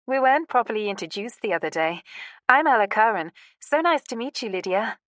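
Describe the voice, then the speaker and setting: A woman's voice: fairly high pitch, animated, fairly quick, fairly bright tone, dry recording, studio quality, pitched above the performer's own voice. A woman voicing a confident, glamorous woman who speaks in a charming, breezy way.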